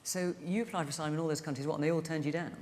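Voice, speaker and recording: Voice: medium pitch, steady tone, rapid-fire, darkish tone. A TV debate presenter moderating, putting probing follow-up questions to guests and the audience. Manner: probing, presses for specifics. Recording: reverberant TV studio with faint noise.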